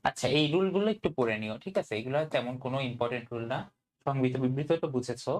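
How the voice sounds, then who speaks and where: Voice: medium pitch, lively intonation, racing. A tutor teaching an online Bangla grammar class, often asking "okay?" and mixing in English words. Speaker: admission test tutor.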